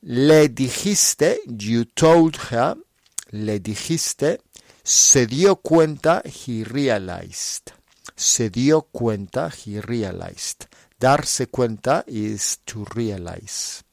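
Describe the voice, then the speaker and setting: Slow, deliberate male language teacher. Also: mid-range voice, animated, vocal fry, no echo. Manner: explains Spanish words slowly and repeats them. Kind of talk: slow scripted language lesson.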